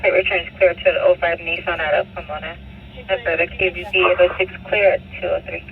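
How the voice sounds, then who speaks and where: A man's voice: sits high, flat delivery, fairly quick, gravelly. A man heard over police radio as a dispatcher, reading out clipped codes and plate numbers. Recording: tinny radio speaker, distant, faint hiss.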